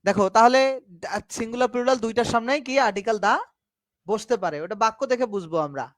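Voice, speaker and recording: With a high-pitched voice and a Bangladeshi Bengali accent, this English teacher lectures an online class in clean studio sound with no room echo. His explanations are slow, laced with English grammar terms, and punctuated by repeated checks that students are following.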